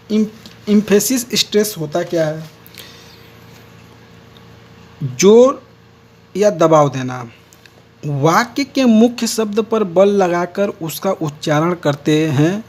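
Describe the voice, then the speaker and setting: A man's voice: high-pitched, animated, slow, pauses often, a little mellow. A man teaching a lesson and explaining each point step by step. He often repeats key words and restates them. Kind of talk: lecture on speech errors.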